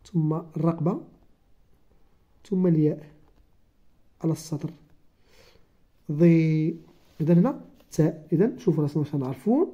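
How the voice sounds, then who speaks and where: A primary school teacher with a Moroccan accent gives a first-grade Arabic writing lesson, slowly sounding out letters and syllables one at a time. The voice is mid-range, and the recording is dull and lo-fi.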